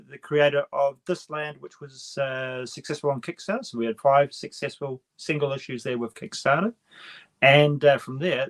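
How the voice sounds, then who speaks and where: A man with a medium-pitched voice. He hosts a casual, conversational chat as a writer talking about his work. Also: a bit bright. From New Zealand. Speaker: comic writer hosting a launch chat.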